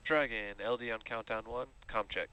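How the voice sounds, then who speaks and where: A man's voice: mid-range voice, steady tone, moderate pace, bright, forceful tone, clean tone, low-quality recording. A man making terse procedural astronaut radio com checks from launch control over a radio loop.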